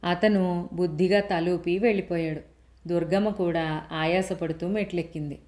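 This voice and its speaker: A woman narrating a story in a steady, expressive reading voice. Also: lowish voice, normal speed.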